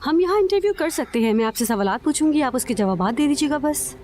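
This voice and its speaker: A woman's voice: high-pitched, expressive, fast talker, a little mellow, slight background noise. A woman dubbing a bold, scheming young woman in a TV drama, coaxing and playful. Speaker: dubbing actor. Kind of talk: Urdu dub of a TV drama.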